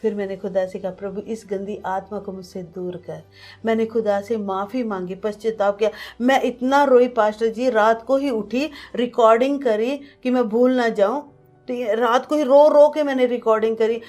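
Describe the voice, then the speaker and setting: A woman's voice: fairly high pitch, steady tone, normal speed, darkish tone, faint music behind. A woman giving an earnest personal testimony to a pastor, telling her story vividly and mixing in English words. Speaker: guest sharing a testimony.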